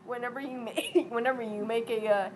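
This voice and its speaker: A woman's voice: on the high side, fairly even intonation, fairly quick, poor audio. A woman running a tabletop game as game master, casual and chatty, laughing often.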